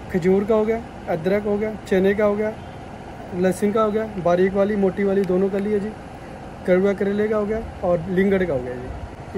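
A shop worker explains the pickles jar by jar in a helpful, plain manner. The voice sits in the middle range. Clear background noise runs underneath. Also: medium pitch. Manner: helpful, names each jar in turn. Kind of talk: casual product explanation.

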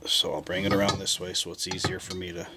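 Low-voiced man explaining at his bench. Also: flat delivery, quick pace, a crowd in the background. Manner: plainspoken, rambling, self-interrupting. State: hiccups. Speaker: hobbyist reloader. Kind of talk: casual how-to demonstration.

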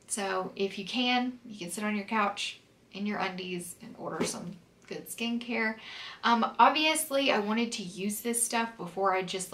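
A woman's voice: mid-range voice, a bit bright, recorded from a distance. A woman vlogger reviewing skincare in a chatty, casual way with many "um"s and "like"s, a little stuffy and sniffly from a cold. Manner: chatty, lots of "um" and "like". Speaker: beauty vlogger. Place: home, in winter with snow outside.

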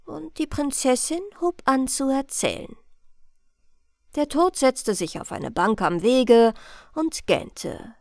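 A woman narrating a fairy tale as a bedtime audiobook for adults, in a slow, soothing storytelling manner. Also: high voice, creaky, darkish tone, no echo, studio quality.

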